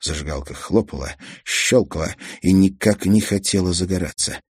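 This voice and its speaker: A man narrating a story in a calm, measured way. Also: low voice, husky, dry recording. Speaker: audiobook narrator.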